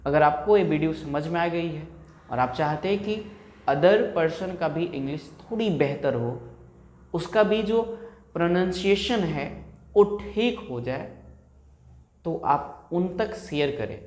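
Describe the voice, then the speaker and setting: A man who speaks Hindi natively, teaching English pronunciation and slowly repeating and stretching out each sound. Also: a little high, animated, darkish tone. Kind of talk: explaining pronunciation to a class. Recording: echoey room.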